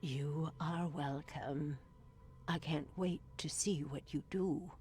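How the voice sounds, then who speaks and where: An actress playing a mysterious old fortune teller in a video game, slow and cryptic, with a breathy, whispery delivery. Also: female voice, low voice, fairly even intonation, darkish tone, full character voice. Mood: prophetic, eerie.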